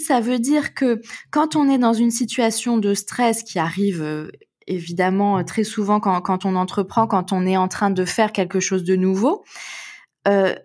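A woman hosting a podcast interview, asking questions and calmly rephrasing the guest's points. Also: medium pitch. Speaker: podcast host.

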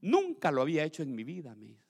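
A male pastor preaching a sermon, swinging from quiet asides to shouted outbursts and acted-out voices. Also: fairly high pitch, wildly swooping pitch, fast, gravelly, breathy edge, big-room sound.

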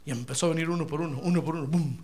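A man preaching an animated sermon, often calling the listener brother. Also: a little high, racing. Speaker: pastor.

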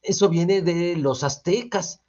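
A Mexican man, a guest expert, explaining with lively, teacherly, playful talk and rhetorical questions. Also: high-pitched, takes it slowly, muffled recording.

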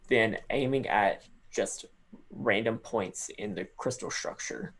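A man's voice: fairly low pitch, slow pace, a bit bright. A man talking casually as a player in a tabletop game, stating his moves.

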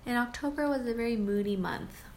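A woman's voice: a little high, a little fast, darkish tone, roomy sound. Young woman rambling on a podcast, lots of likes, faint hiss behind. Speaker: podcast co-host. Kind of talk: casual podcast chat. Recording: faint background noise.

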